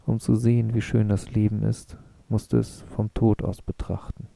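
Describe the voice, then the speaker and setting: A thoughtful, earnest man muses on life in an audiobook, read by a male narrator. The voice is low, dark and gravelly, with little movement in pitch. It sounds dry and close. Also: normal speed, no echo. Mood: musing. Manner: calm, musing, philosophical speech. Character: thoughtful lean adult male physicist, earnest. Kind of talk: audiobook reading.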